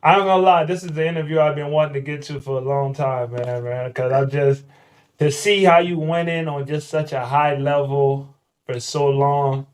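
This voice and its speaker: A man's voice: a little high, fairly even intonation, normal speed, poor audio. A man in his thirties hosting a casual interview, talking in a hyped, slangy, chatty way. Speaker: host, former basketball player.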